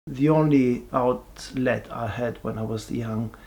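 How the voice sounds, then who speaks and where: A man, giving a halting, reflective personal testimony with many pauses and restarts. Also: mid-range voice, warm tone, a little hiss or hum. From Bulgaria. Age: 40s. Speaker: person sharing his life story.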